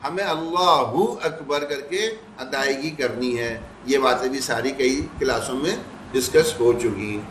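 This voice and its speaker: A man teaching recitation, patiently repeating sounds slowly to demonstrate them. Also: mid-range voice, reverberant, slight background noise. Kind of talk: explanatory lesson.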